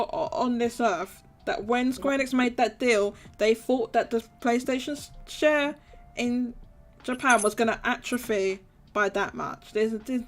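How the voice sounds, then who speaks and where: A woman co-hosting a gaming podcast, talking in casual chat and repeating herself emphatically when worked up. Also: a little high. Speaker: podcast co-host.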